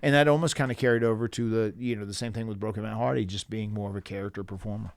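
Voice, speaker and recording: A man in his fifties, a pro wrestler telling stories in a casual interview, animated and full of restarts and fillers. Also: lowish voice, very fast, creaky, dry recording, clean studio sound. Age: 50s.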